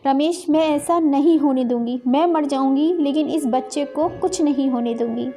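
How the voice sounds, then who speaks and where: A woman's voice: high-pitched, moderate pace, warm tone. A woman voicing a pleading young wife. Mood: tearful. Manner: pleading, tearful.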